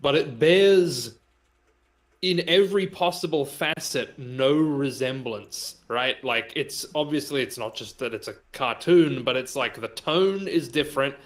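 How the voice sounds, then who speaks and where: A man in a casual group stream, laying out his argument in a measured way. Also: mid-range voice. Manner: measured, reasoning aloud.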